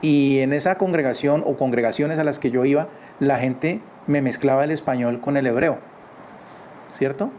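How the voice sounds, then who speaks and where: A man's voice: medium pitch, normal speed, a little mellow. Man giving a chatty religious lesson. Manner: conversational, with rhetorical tag questions. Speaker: Torah teacher. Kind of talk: informal religious teaching. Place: his home. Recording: slightly dull recording with faint background noise.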